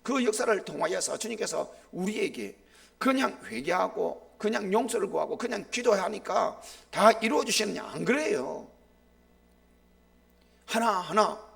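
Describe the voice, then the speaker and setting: A middle-aged man preaching a live sermon as a pastor, impassioned, swinging sharply between loud and hushed. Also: high voice, lively intonation, measured pace, vocal fry.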